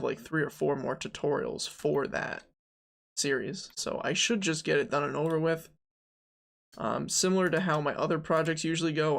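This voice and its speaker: Young male streamer with a gravelly, fry-edged voice, rambling chattily over keyboard clicks while he builds a 3D model live. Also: fairly high pitch. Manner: chatty, thinks aloud, reads and answers chat. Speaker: game dev streamer.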